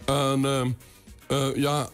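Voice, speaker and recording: A man in his eighties with a broad Limburg Dutch accent, telling anecdotes in dialect in a folksy, unhurried interview style. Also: mid-range voice, completely flat delivery, faint music behind. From Limburg, the Netherlands. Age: 80s. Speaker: guest, amateur songwriter.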